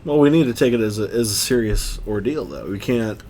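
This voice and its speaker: A man's voice: fairly low pitch, a little fast, darkish tone, slight background noise. A man co-hosting a satirical podcast, speaking earnestly and often repeating his phrases. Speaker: podcast co-host.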